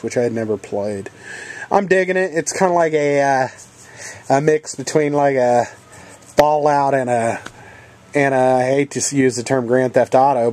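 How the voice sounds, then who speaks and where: A channel host with a head cold rambles casually through a video game haul vlog, sounding congested and coughing now and then. His voice is medium-pitched and a little mellow, and he fills his talk with plenty of ums and uhs.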